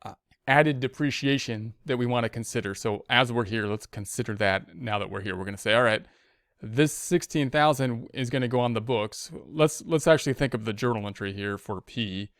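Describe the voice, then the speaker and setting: Here a male accounting instructor teaches a spreadsheet lesson one step at a time, reasoning out loud and often saying the same phrases again. He speaks at a moderate pace in a mid-range voice, with studio-quality sound and no room echo.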